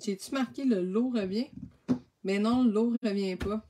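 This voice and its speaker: A woman's voice: mid-range voice, unhurried, warm tone, slight background noise. A woman with a Québécois French accent giving a casual, chatty rundown of craft products, often restarting her sentences and laughing at her own slips. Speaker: craft supply consultant.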